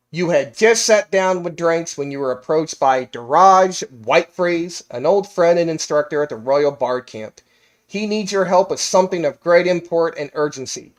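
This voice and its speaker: Man narrating a fantasy tabletop game. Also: a little high. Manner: descriptive, measured scene-setting. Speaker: game master.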